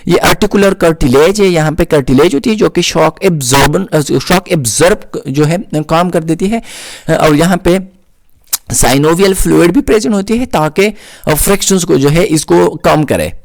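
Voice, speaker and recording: A man with a Pakistani Urdu accent gives a slow, repetitive nursing lecture over slides, with frequent "uh" fillers. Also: fairly high pitch, gravelly, no room sound. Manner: explains slowly, repeating terms, with frequent "uh" fillers. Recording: dry close recording.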